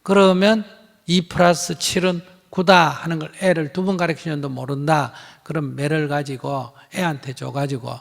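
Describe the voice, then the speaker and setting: Blunt man with a gravelly Gyeongsang accent. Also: on the high side, fairly even intonation, moderate pace. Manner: blunt, emphatic, acts out dialogue. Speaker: Buddhist monk answering questions. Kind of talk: live Q&A teaching to an audience. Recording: hall reverb.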